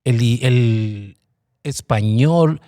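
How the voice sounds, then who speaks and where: A man's voice: medium pitch, drawn-out words, dark tone, no room sound, studio quality. A man hosting an interview, asking questions and rephrasing them. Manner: inquisitive, repeats questions. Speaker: interview host. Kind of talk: conversational interview.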